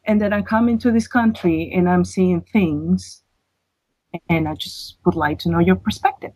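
A woman calls in to a talk show. Her voice is husky and breathy, the sound dry and close. She speaks politely and earnestly. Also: lowish voice, moderate pace, dark tone, no echo, poor audio. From Venezuela. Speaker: caller. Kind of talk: phone-in conversation.

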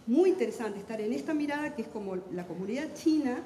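Fast, intense Argentine woman in an echoey hall. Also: fairly high pitch, animated, warm tone, a little hiss or hum. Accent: Argentine Spanish. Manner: talks fast and intensely, self-deprecating humor. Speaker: literary translator on a panel. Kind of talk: lively public talk at a book fair. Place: large hall at a book fair. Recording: echoey hall with long reverb.

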